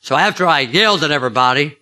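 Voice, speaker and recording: A man's voice: on the high side, animated, quick pace, pushed and bright. A man preaching, telling a personal story in a chatty way and asking his listeners questions. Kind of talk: storytelling sermon.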